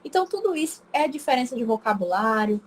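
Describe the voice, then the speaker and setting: Chatty teacher with an Acre accent. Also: female voice, fairly high pitch, very animated, fast talker, slight background noise. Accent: Acre Brazilian Portuguese. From Acre, Brazil. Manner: chatty, constantly checking in with students. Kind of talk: remote class lecture.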